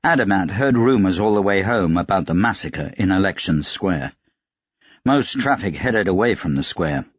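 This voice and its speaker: Low, husky male audiobook narrator. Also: expressive, moderate pace, no room sound, muffled recording. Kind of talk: scripted narration.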